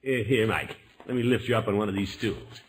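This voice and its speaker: A man's voice: lowish voice, fairly quick, a little hiss or hum, natural voice. A man playing a genial, blustery middle-aged uncle in 1950s radio comedy, with a hesitant, theatrical way of talking. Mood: friendly.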